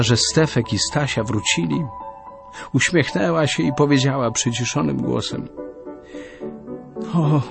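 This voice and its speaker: A man's voice: on the high side, vocal fry. A man narrating a story as an audiobook reader. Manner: expressive, lively storytelling.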